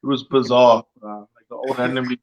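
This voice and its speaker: A man's voice: medium pitch, fairly even intonation, a little fast. A man in his thirties with a Durban South African accent, telling a story in a casual chat, laughing often and acting out voices. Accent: South African English, Durban. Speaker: co-host. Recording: muffled mic.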